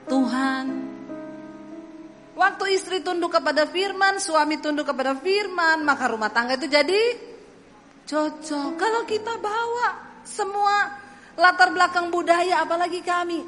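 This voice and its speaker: A woman from Sulawesi, Indonesia, with a Sulawesi accent, preaches a sermon in a very high, unhurried voice. She animatedly acts out dialogue in humorous personal stories and laughs at them herself, recorded in an echoey hall with faint music.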